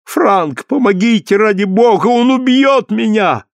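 A terrified young woman cries out for help in shrill, desperate pleas, as a male storyteller puts her on. The voice climbs far above his own and pushes louder. The recording stays close and dry. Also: expressive, measured pace, gravelly, no echo, heavily acted. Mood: panicked pleading.

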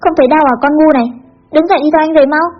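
A woman reading a story aloud, voicing a gruff, bossy older boy who teases and scolds. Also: high voice, fairly even intonation, very fast, pitched above the performer's own voice, lightly acted. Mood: scolding. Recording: dull lo-fi with faint music.

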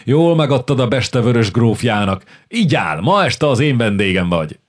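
A man voicing a big, hearty officer who roars with loud good humour in an audiobook. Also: mid-range voice, big pitch swings, voice pushed up. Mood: boisterous. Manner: roaring, jovial, loud. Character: boisterous hearty middle-aged army officer.

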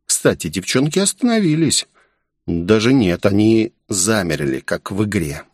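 A man narrating an audiobook in the first person, in a lively, expressive, conversational way. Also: fairly low pitch, a little slow, no echo, studio quality.

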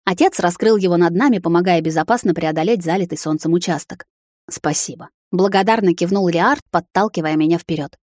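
Low, soft-voiced woman narrating. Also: fast, hardly any pauses, no echo, studio quality. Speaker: audiobook reader. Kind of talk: scripted first-person narration.

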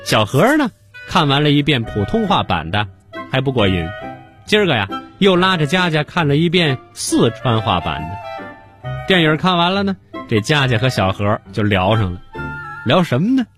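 一位男电台主持人在播讲写好的串词。. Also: male voice, medium pitch, sing-song, moderate pace, a bit bright. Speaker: radio host. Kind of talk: scripted radio narration. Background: music.

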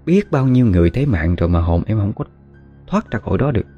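A man's voice: on the low side, big pitch swings, fast, warm tone, muffled recording, faint music behind. Man voicing a clingy female demon ghost. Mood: coaxing.

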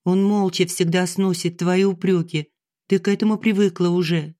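A narrator voicing a distressed young daughter who pleads earnestly and gently with her mother, in an audiobook. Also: mid-range voice, steady tone, normal speed, pitched above the performer's own voice, lightly acted. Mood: pleading. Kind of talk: audiobook character reading.

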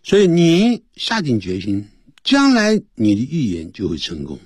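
A man teaching English on a radio lesson, explaining phrases in Chinese and reading English words slowly. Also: mid-range voice, wildly swooping pitch, husky, no echo, studio quality. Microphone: studio mic.

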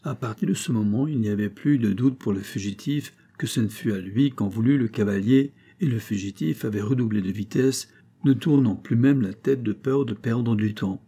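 A man reading an audiobook aloud in a measured, expressive narrating style. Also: mid-range voice, husky.

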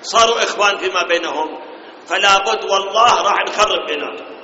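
A man's voice: sits high, fast, background noise. A man with an Iraqi Arabic accent delivering a storytelling sermon as a preacher, asking rhetorical questions, explaining scripture phrase by phrase and at times slipping into a sung, chanting delivery. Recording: reverberant hall, slightly dull sound.

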